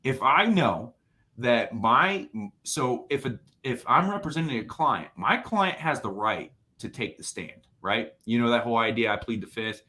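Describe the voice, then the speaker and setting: A man's voice: mid-range voice, normal speed, breathy edge. A man, a defense attorney, chatting casually on a podcast and acting out what people said in his stories. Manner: animated storyteller, acts out quotes.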